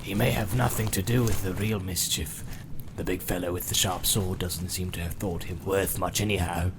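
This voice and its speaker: Audiobook: a narrator doing a crafty, sneering orc captain, rough and low, gravelly, with music behind. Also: male voice, steady tone, moderate pace, background noise. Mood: suspicious.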